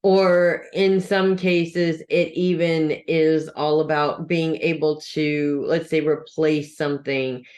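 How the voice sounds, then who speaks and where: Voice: medium pitch, flat delivery, takes it slowly, few pauses, darkish tone. Chatty astrologer reading weekly horoscopes. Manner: chatty, checks in with listeners, dry sarcastic asides. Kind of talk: casual spoken horoscope reading.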